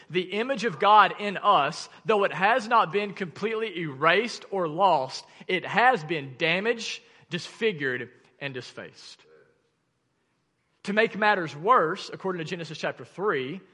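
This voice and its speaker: A man with an Arkansan accent preaching a sermon to a congregation, emphatic, with dramatic drops and pauses. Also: a little high, bright, forceful tone. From Arkansas, United States. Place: large room, preaching to a congregation. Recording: long reverb of a large room.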